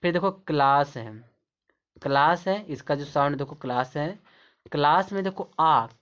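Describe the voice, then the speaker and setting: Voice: mid-range voice, measured pace, a bit bright, dull audio. Teacher explaining with rhetorical questions. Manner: repetitive, asks rhetorical questions and answers them. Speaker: English teacher. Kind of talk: classroom-style explanation to camera.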